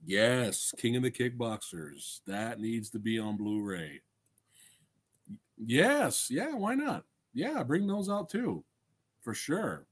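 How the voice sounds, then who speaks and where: Surrounded by collectibles in a small indoor room, a middle-aged livestream host who reviews films chats with viewers in a casual, enthusiastic, swear-laden, slangy style. His mid-range voice is slightly rough and slow-paced, picked up by a desk microphone right in front of him.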